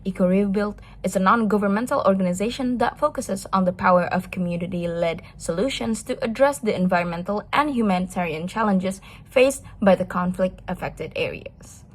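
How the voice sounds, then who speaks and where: A woman hosting an interview, reading a prepared introduction in a measured, formal way. Her voice is a little husky, at a middle pitch. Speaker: interviewer, host. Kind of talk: scripted introduction and interview questions.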